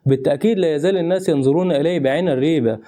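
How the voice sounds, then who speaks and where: A man's voice: fairly high pitch, very fast, warm tone, close to an everyday voice. A man voicing a determined young male heir within a recap, speaking earnestly and resolutely. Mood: puzzled. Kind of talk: recap narration voicing a character.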